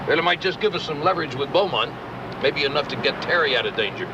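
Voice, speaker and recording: An older actor playing a calm ninja master who talks in a dry, laconic way. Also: male voice, fairly high pitch, quick pace, noisy background, lightly acted. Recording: dull lo-fi TV audio.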